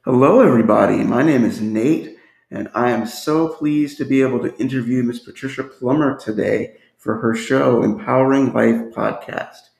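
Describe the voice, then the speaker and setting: A man's voice: medium pitch, normal speed, gravelly, darkish tone. A man hosting a self-improvement podcast interview, speaking in a friendly, loose way with plenty of fillers and restarts. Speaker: podcast host. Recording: roomy echo.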